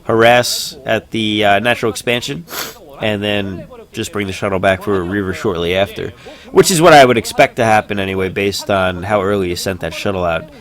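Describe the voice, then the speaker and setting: A man giving casual solo play-by-play commentary on a live game stream, chatty and laid-back between plays, rising to excited shouts on big moments, with hiccups now and then. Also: lowish voice, fairly quick. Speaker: esports caster.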